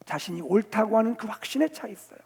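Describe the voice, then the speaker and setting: Korean pastor preaching with swings to whispers. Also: male voice, sits high, lively intonation, fast talker, vocal fry, husky. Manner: storytelling, dramatic shifts between loud emphasis and near-whispers. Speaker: senior pastor. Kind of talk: sermon. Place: church sanctuary. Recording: long reverb of a church hall.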